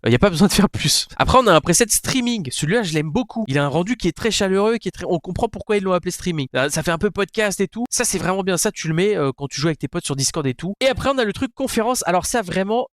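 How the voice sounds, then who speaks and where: Fast-talking, crude, joking man. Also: sits high, animated, a bit bright, no echo, clean studio sound. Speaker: headset reviewer. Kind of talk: casual product review. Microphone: gaming headset mic.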